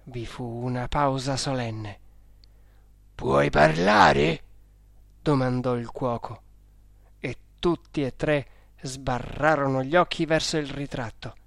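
A reader narrating a storybook in a calm, measured way. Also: mid-range voice, no echo.

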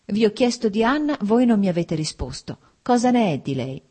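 A woman's voice: mid-range voice, sing-song, normal speed, dark tone, husky, pitched above the performer's own voice. A woman reading the part of a distressed married woman who pleads urgently for her friend in an audiobook. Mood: pleading.

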